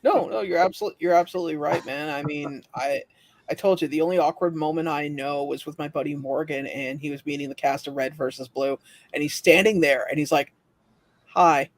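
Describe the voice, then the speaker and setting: A man's voice: fairly high pitch, fairly even intonation, a little fast, no room sound. A man co-hosting a collectibles livestream, chatting casually and telling anecdotes, acting out the people in his stories. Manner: storytelling, acts out quoted voices. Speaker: livestream co-host. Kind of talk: casual chat.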